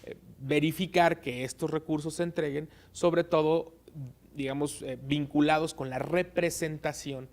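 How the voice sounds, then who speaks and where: Gravelly-voiced man explaining election law. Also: a little high, steady tone. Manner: measured, frequent "eh" fillers. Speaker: guest expert on election law. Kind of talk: explanatory interview answers.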